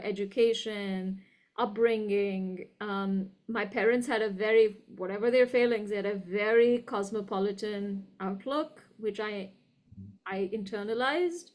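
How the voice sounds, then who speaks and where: A university professor appearing as an interview guest speaks at a medium pitch in an educated upper-class Indian English accent. She is reflective and well-spoken, deliberate and emphatic, with a habit of asking "right?" to check in.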